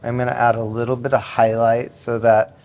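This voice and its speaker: A man working as a hairstylist, calmly explaining each technique step by step as he goes. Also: mid-range voice, brisk, muffled recording. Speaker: hairstylist and makeup artist. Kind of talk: step-by-step tutorial narration.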